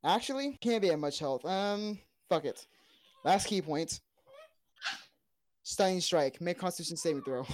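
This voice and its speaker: A woman with a lowish voice talks through her moves in a tabletop game. She is blunt and swears casually, and now and then trips over her words. The chat is loose and unscripted. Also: expressive, measured pace, long pauses, a little mellow, dry recording. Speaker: player.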